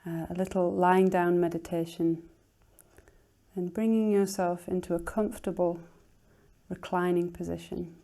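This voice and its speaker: Soft and fairly low, with little rise or fall, a woman teacher's voice guides listeners through relaxation calmly and without hurry. She instructs gently, and her phrases trail off breathily.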